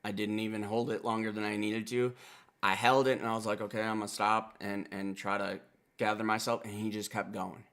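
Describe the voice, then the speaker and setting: Country dude reacting to rap, low gravelly voice, swears a lot, casual breakdown. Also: male voice, a little fast. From Wisconsin. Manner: animated, profane, self-styled country boy breaking down lyrics. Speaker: music reaction reviewer.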